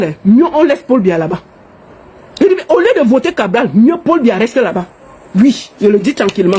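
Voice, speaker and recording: A woman's voice: high-pitched, a little mellow, a little hiss or hum, rough recording. A middle-aged woman from Cameroon with a Cameroonian French accent, an exiled political activist giving an impassioned monologue to camera, emphatic and repetitive.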